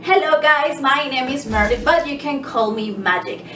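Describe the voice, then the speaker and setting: A woman from Colombia, hosting a craft workshop and giving cheerful, clear instructions to young children. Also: high-pitched, expressive, sharp tone, slight background noise. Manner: cheerful, slow and clear, talking to small kids. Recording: echoey room, mic at a distance.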